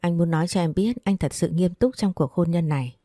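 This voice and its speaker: A woman's voice: on the low side, a little fast, dark tone, no echo, studio quality, lightly acted. Woman reading as a tender earnest young husband. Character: gentle, devoted young husband.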